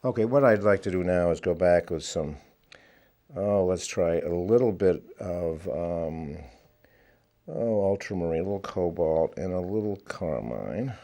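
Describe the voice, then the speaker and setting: A man giving a relaxed watercolour painting demonstration, thinking aloud as he works. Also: low voice, a little slow. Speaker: watercolour instructor.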